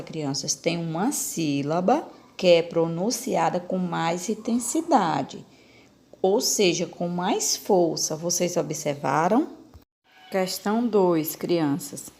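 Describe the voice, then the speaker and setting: Slow, gravelly Brazilian teacher woman. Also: lowish voice, a little mellow. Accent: Brazilian Portuguese. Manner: patient, coaxing, asks questions and repeats key words. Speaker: primary school teacher. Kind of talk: recorded remote lesson for children.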